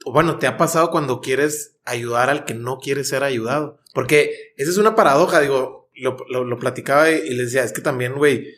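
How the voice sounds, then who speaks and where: A man with a Mexican Spanish accent, hosting a podcast and posing questions with many pauses and fillers. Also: mid-range voice, a bit bright. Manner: hesitant, many fillers and restarts while framing questions. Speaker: podcast host. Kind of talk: conversational podcast interview.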